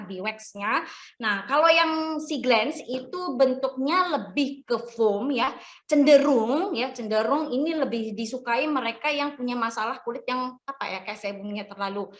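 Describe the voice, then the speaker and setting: A woman in her thirties, a beauty consultant, explaining products in a chatty podcast talk, often stopping to search for words. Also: a little high. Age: 30s.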